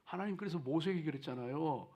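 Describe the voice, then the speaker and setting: A man preaching a sermon as a pastor, with emphatic exhortation that moves between hushed asides and loud declarations, repeating key phrases and putting rhetorical questions to his listeners. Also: on the high side, fast talker. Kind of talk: sermon to a congregation.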